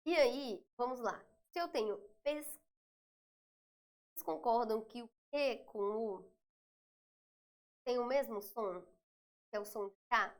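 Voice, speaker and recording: Brazilian woman teaching grammar, higher voice. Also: takes it slowly, long pauses. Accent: Brazilian Portuguese. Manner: patient, checks in often with "né?" and "tá?". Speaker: Portuguese teacher. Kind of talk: exam review lesson.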